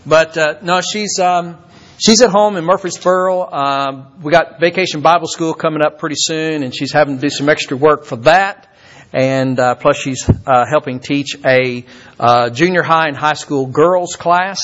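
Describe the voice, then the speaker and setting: Older preacher, muffled recording. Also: male voice, a little high, fairly even intonation, fairly bright tone. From Kentucky. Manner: halting, repeats words with many fillers. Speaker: visiting preacher. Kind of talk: sermon.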